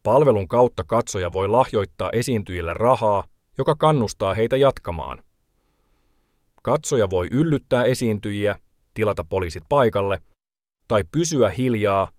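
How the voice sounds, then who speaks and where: A man with a fairly low voice reads scripted documentary narration in a calm, measured way. The sound is close and dry, with no room around it. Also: no echo. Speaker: reporter narrating a feature.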